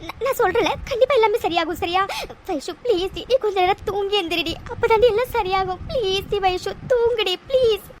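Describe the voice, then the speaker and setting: A woman acts out a worried young best friend in a cartoon love story. She pleads and soothes in a very high voice, repeating herself. Faint noise sits under the recording. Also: brisk. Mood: pleading. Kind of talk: cartoon drama voice acting.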